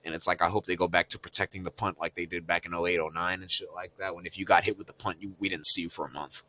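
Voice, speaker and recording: A man co-hosts a podcast in relaxed, profane casual chat, recapping the week's wrestling. His voice sits very low, and he talks loosely, with plenty of ums and "you know"s. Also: very fast. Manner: loose and profane, lots of fillers. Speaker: podcast co-host.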